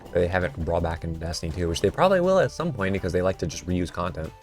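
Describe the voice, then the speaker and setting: A man's voice: sits low, very animated, quick pace, a little mellow, soft background music. A man streaming a game, rambling and mocking himself in casual chat at a desk mic. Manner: self-mocking, rambling, jokey.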